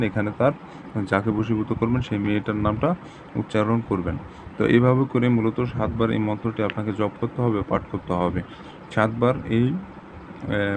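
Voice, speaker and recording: A man hosting a channel, giving step-by-step ritual instructions in a steady, repetitive way. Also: on the low side, background noise. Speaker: tantric channel host. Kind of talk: instructional talk to camera.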